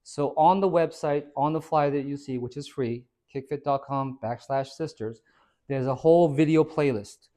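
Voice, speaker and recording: A man who is a fitness trainer, giving an informal, energetic talk to a small audience. He quizzes the listeners and tags many points with "right?". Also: on the high side, normal speed. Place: hair and skin salon, indoors.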